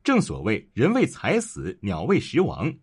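A man's voice: medium pitch, wildly swooping pitch, measured pace, breathy edge, full character voice. A man voicing a cunning scheming court official. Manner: persuasive, insinuating.

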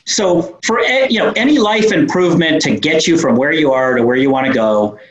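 A man's voice: a little high, animated, fairly quick. A man with a New York accent giving informal, explanatory answers in a conversational interview. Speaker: guest business owner. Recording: echoey room sound.

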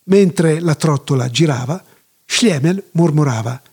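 A man reads a folk tale aloud in a measured, even storytelling manner. His voice sits high for a man and has a husky edge. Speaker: narrator. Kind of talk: scripted storytelling narration.

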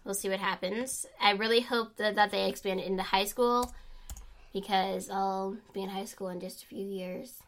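Here a teen girl co-hosting a laid-back podcast talks at a normal speed in a mid-range voice with fairly even intonation. Her chatter rambles along, sprinkled with fillers and giggles.

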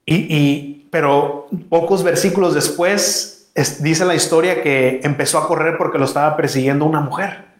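Pastor preaching in an echoey hall. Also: male voice, fairly high pitch, steady tone, normal speed. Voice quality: conversational, asks the congregation questions. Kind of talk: sermon.

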